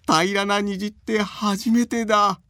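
A man doing a frail, high-voiced old man. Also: lively intonation, creaky, no room sound, studio quality, heavily acted. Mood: laughing. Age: older. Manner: slow, high, quavering old-man speech.

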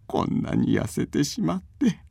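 A man voicing a frail, bedridden old man in a folk tale, speaking slowly in a high, quavering voice. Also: big pitch swings, vocal fry, dark tone, breathy edge, no room sound, clean studio sound, full character voice. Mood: wistful. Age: older.

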